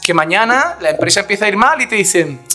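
A man preaches a sermon in a very high, bright, ringing voice. He is animated, acting out the voices he quotes and firing off rhetorical questions, and faint music plays behind him. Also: fast. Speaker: pastor.

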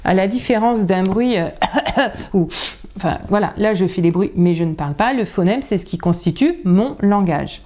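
Woman, teacher explaining to parents, warm mellow tone, chatty with filler pauses. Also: mid-range voice, expressive. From France. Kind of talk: informal video lesson to parents.

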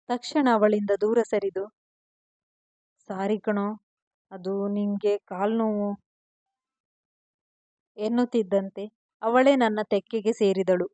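Soft-voiced woman reading a romance. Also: medium pitch, no room sound. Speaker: storyteller. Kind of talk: scripted narration of a romance story.

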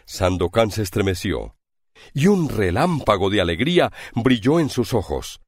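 A man narrating an adventure novel with a measured, expressive reading. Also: lowish voice, no room sound, clean studio sound. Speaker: audiobook narrator. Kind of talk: scripted narration.

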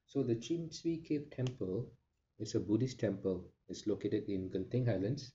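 A man's voice: fairly low pitch, lively intonation, normal speed, mellow, highs cut off. A young man hosting a casual travel vlog, explaining things in a friendly way with some fillers. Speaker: vlog host.

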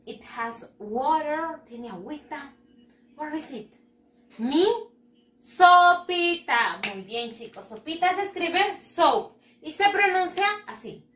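A woman's voice: high voice, lively intonation, unhurried, a bit bright, echoey room, a little hiss or hum. A woman teaching English to first graders, drilling words and giving cheerful praise. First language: Spanish. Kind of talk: bilingual lesson to children.

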